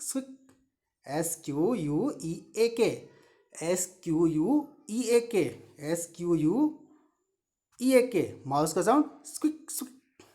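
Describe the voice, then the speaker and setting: A woman's voice: on the low side, a little mellow. A woman teaching young children animal sounds, spelling each word letter by letter and imitating the calls.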